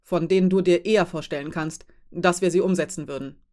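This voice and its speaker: A woman reading an audiobook voices a huge, calm female ship captain who gives orders in a factual, firm tone. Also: lowish voice, brisk, close to an everyday voice. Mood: calm, commanding. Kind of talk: audiobook character voice.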